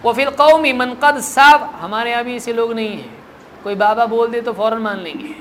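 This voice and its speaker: Over a faint hiss of background noise, an Islamic preacher teaches a hadith at mid-range pitch. Measured, unhurried Arabic recitation shifts into animated everyday speech as he performs the story's exchanges himself.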